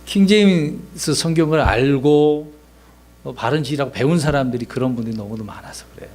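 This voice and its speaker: A man's voice: mid-range voice, brisk, darkish tone, a little hiss or hum. Korean man preaching a conversational sermon. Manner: conversational preaching with rhetorical questions, acts out quoted lines. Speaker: pastor.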